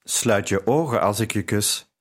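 A man's voice: lowish voice, unhurried. Commanding, teasing nobleman, played by a man, confident and at ease. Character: commanding Persian nobleman, teasing and self-assured.

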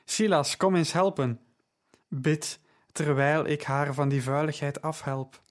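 A man voicing a blunt, resolute male apostle who speaks in a measured, no-nonsense way in a storybook reading. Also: a little high.

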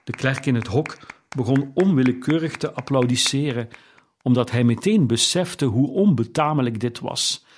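A man reading a classic story aloud as narrator, with a measured storytelling delivery. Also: mid-range voice, husky. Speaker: audiobook narrator. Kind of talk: scripted narration.

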